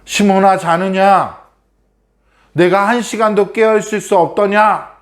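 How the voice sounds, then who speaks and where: A man's voice: high voice, steady tone, a little slow, voice pushed up. A man voicing a solemn, rebuking teacher. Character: grave, sorrowful male teacher Jesus, adult.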